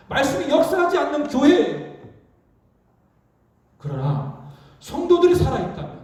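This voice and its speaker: A man preaching a Friday prayer-meeting sermon, asking the congregation questions and having them repeat phrases back. He swings between loud peaks and soft asides. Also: very high-pitched, far from the mic. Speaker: pastor. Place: large church sanctuary. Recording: very echoey room, voice from afar.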